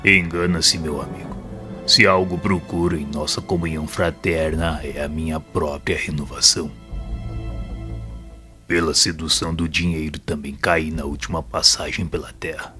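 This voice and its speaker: Played by a man, a wise male spirit mentor speaks in a very deep, steady voice with a Brazilian accent and a forceful, bright edge. Solemn and patient, he persuades in measured phrases, humble and confessional in mood, while faint music plays underneath as in an audio drama.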